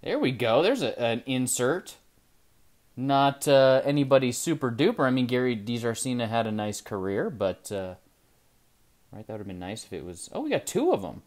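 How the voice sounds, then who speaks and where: Medium-pitched and speaking at a normal speed, a man running a trading card channel chats casually while breaking packs at an indoor desk with a card display. The camera sits over the desk and shows only his hands. He gets excited in bursts, then drifts into quiet mumbles as he looks at each card.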